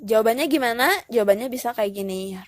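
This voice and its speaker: Woman teacher walking through phrases step by step, kinda high voice, dry close mic. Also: fast talker, no room sound. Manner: relaxed, explains step by step, mixing in English phrases. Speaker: English teacher. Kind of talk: casual classroom explanation.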